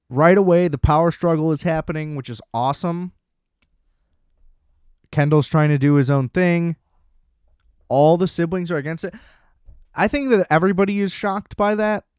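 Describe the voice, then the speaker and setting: A man hosting a solo podcast, chatting casually about TV in an excitable, profane, rambling way. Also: on the high side, clear, resonant tone, no echo, studio quality. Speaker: podcast host.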